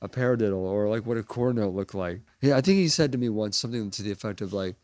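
A man's voice: on the low side, fast, darkish tone, no echo. A man chatting as a drummer guest in a restaurant, rambling with lots of fillers. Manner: rambling, lots of "like" and "you know". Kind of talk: casual interview chat.

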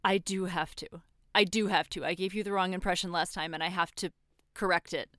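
A young woman acting a guilt-ridden former soldier who confesses by phone, talking haltingly, swearing, and sliding toward panic. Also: on the low side, fairly even intonation, a bit bright, no room sound, studio quality, lightly acted. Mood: shaken. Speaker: caller confessing to a priest. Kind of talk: audio drama acting.

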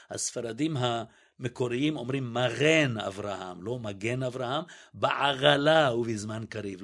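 A man speaking as a guest linguist in an interview, methodically demonstrating each sound aloud and sometimes hesitating and correcting himself. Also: mid-range voice. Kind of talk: explanatory interview talk.

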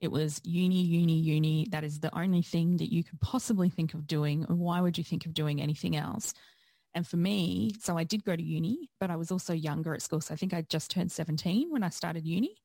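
A woman's voice: lowish voice, fairly quick, creaky, mellow, dry recording. A woman, talking candidly and chattily about herself. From South Australia. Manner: candid, chatty and self-deprecating. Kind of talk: casual conversation.

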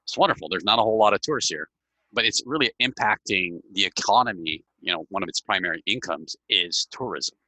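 Telling stories as a podcast guest, this middle-aged Hawaiian man speaks low and fairly quickly, with lively intonation and a pushed, bright tone. He often ends sentences with "right?" during the casual interview chat. The audio is dry and poor in quality.

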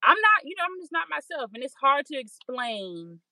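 Bright, candid young woman, dry sound. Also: high-pitched, very animated, normal speed, no room sound, low-quality recording. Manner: open, reflective, acts out her own inner voice. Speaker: podcast guest. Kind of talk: candid conversational storytelling.

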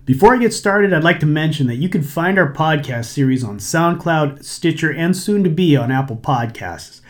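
A middle-aged man hosts a solo podcast in an easygoing, encouraging tone. He slips in a bit of dry sarcasm now and then. His voice sits a little higher than most men's. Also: expressive, moderate pace. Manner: conversational, lightly sarcastic, motivational. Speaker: podcast host. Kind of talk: casual solo podcast talk.

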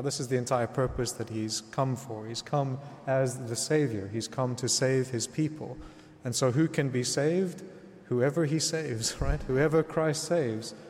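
A male priest delivers scripture and homily in a measured, reflective way. His voice sits at a medium pitch. Long cathedral reverberation trails each phrase, as in a large church. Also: darkish tone, a little hiss or hum. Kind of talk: Gospel reading and homily.

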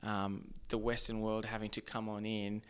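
A young man from Zimbabwe raised in Australia, chatting as a guest in a thoughtful, halting way. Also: lowish voice, little pitch movement, smooth. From born in Zimbabwe, raised in Australia. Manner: thoughtful, halting, many restarts. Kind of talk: casual podcast chat.

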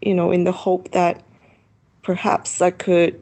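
A woman in her thirties from Malaysia, a travel author answering interview questions from her apartment and pausing often with fillers. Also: on the low side, completely flat delivery, dark tone. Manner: hesitant, many pauses and fillers.

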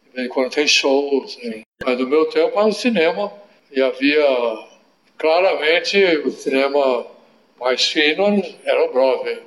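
A man in his eighties reminiscing in an interview, telling stories in an unhurried way with tag questions. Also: a little high, lively intonation, a bit bright. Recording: echoey room.

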